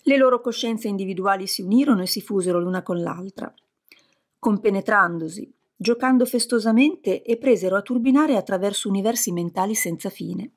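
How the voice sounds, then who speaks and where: Woman reading an audiobook, calm and reflective, kinda husky. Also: medium pitch, brisk. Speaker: audiobook narrator. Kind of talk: scripted narration.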